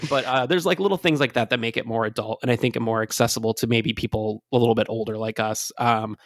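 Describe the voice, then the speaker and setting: A man with a Great Lakes, Michigan accent in a casual podcast chat. His pitch is middling and the sound is dry and close. He tells stories in an animated way, slipping into quoted dialogue. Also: fast, no echo. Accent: Michigan, Great Lakes Midwestern. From Michigan, USA. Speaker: podcast co-host.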